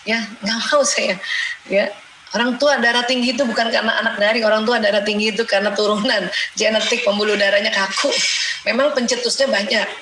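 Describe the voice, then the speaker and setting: A middle-aged woman doctor talks parents through a lesson in a lively, chatty way. She asks herself questions and acts out what parents might say. Her fairly high voice rings in an echoey room over a faint ambient hiss. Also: fairly quick. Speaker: doctor giving a parenting talk. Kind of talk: spoken lecture to parents.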